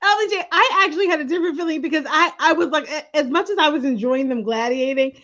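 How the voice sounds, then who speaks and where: A woman's voice: sits high, fast talker, a bit bright. A woman co-hosting a casual TV recap podcast, telling the story expressively and laughing often. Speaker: podcast co-host. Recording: dull lo-fi audio.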